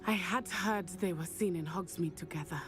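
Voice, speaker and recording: A woman voicing an earnest, polite young female student in video game dialogue, measured and determined. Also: fairly low pitch, music in the background, close to an everyday voice.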